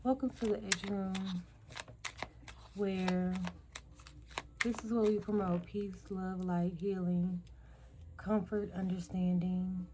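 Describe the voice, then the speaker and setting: A woman giving a spiritual energy reading as host, speaking haltingly and listing words one at a time with pauses and fillers. She is losing her voice and keeps clearing her throat. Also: mid-range voice, level tone, background noise. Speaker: energy reader.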